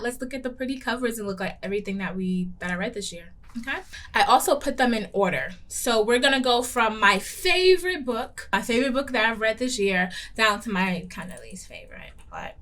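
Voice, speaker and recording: A woman's voice: fairly high pitch, expressive, normal speed, fairly bright tone. Chatty woman reviewing a book. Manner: chatty, candid, frequent ums, playful swearing. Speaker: book reviewer and show host. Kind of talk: casual book review vlog.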